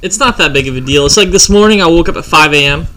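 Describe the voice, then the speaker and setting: A man telling a long story in casual chat, swearing freely and animated. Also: on the high side, fast.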